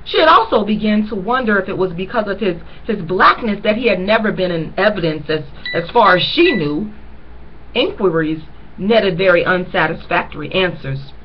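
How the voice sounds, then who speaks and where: With an expressive, medium-pitched voice, a woman reads through a novel chapter by chapter and earnestly pauses to emphasize key lines for listeners. The recording's highs are cut off, and there's slight background noise.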